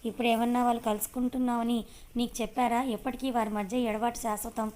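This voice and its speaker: A woman's voice: a little high, little pitch movement, quick pace, dark tone, lightly acted. A woman voicing a scheming young male villain who speaks in a sneering, mocking way.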